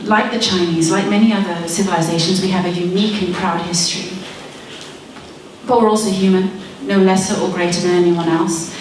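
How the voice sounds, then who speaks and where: A woman's voice: on the low side, distant mic, slight background noise. Woman in her thirties arguing in an echoey hall. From Malawi, raised in Zimbabwe. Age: 30s. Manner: earnest, persuasive, with wry asides. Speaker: speaker in a debate. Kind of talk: public debate speech. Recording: very echoey hall, speaker away from the mic.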